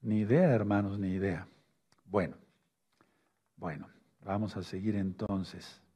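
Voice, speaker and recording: Husky-voiced man preaching, checking in often. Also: sits low, fairly even intonation, dark tone. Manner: asks "¿sí?" and "¿de acuerdo?" often, repeats key words slowly. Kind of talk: sermon teaching with a whiteboard.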